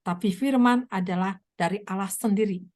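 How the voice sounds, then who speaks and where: A woman evangelist preaching a sermon with a hoarse voice, telling stories and asking the listeners many rhetorical questions. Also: medium pitch, normal speed. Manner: animated storytelling, frequent rhetorical questions. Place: online meeting.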